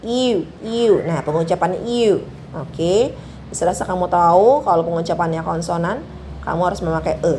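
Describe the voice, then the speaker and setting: A woman's voice: on the low side, moderate pace, darkish tone. A woman with an Indonesian accent explains an English grammar lesson to students. She works through it step by step, repeats each example word and keeps checking that they understand. There is faint background noise behind her voice. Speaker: English teacher.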